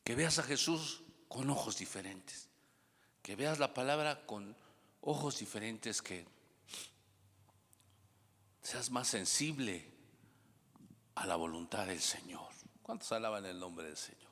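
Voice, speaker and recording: Man, pastor preaching, dynamic delivery from quiet to loud, bright forceful tone, long reverb. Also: fairly low pitch, expressive, takes it slowly, long pauses. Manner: dynamic preaching, swings from hushed to loud exclamation; humorous asides with congregation prompts. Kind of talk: sermon.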